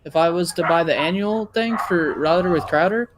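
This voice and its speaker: Higher-voiced man, slangy and hesitant. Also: moderate pace, noisy background. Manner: slangy, hesitant, says dude often. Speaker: podcast co-host. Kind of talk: casual chat.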